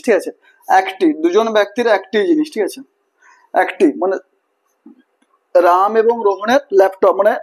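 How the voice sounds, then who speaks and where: Male grammar teacher, high voice, patient repetitive classroom delivery. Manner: repetitive, checks in often with a tag question, spells words out letter by letter.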